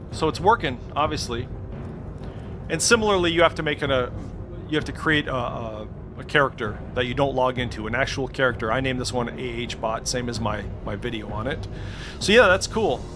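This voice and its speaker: Over music, a man with a mid-range voice and lively intonation gives a casual, unscripted screen-share tech walkthrough from his computer indoors. He's a tech video creator speaking at a moderate pace, hesitant and thinking out loud, with the odd mild curse.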